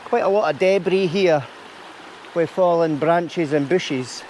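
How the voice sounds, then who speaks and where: High-voiced Scottish man vlogging outdoors. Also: slow pace, a little mellow, slight background noise, rough recording. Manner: chatty, explaining as he goes. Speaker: YouTube vlogger and landscape photographer. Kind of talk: casual outdoor vlog commentary. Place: outdoors by a stream under a bridge.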